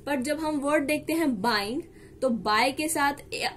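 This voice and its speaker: A woman's voice: high-pitched, a little slow, a bit bright, slight background noise. A woman teaching shorthand, explaining each step patiently and repeating key terms. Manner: patient, repeats key terms, mixes English words into Hindi.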